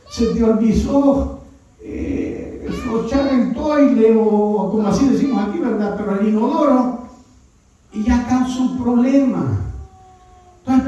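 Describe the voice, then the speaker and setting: A man's voice: very high-pitched, mellow. A man preaching a conversational sermon as pastor. He keeps adding tag questions and sometimes raises his voice. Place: church. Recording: very echoey church hall, distant mic.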